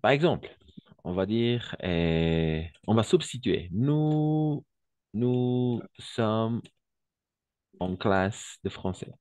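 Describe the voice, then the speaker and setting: A lowish, slightly mellow male voice, recorded dry, belongs to a man teaching French to Spanish speakers. He explains slowly, switches into Spanish, and keeps asking "d'accord?"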